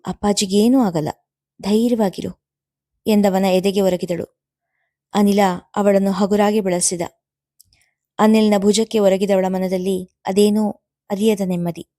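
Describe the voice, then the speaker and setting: A woman narrating a serial story in a steady, unhurried reading voice. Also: medium pitch, no room sound, studio quality.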